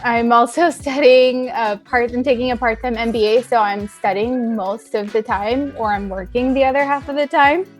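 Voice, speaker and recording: A woman's voice: fairly high pitch, steady tone, normal speed, hardly any pauses, faint music behind. Cheerful woman guest on a podcast. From Thailand. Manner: cheerful and self-deprecating. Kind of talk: casual podcast conversation.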